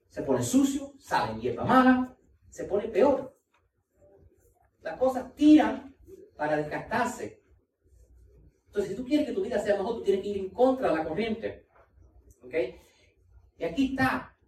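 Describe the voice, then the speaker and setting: A man's voice: sits high, dark tone, distant mic. Male pastor preaching, emphatic, repeats himself, roomy church sound. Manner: emphatic, repeats key points, talks directly to the congregation. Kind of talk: sermon.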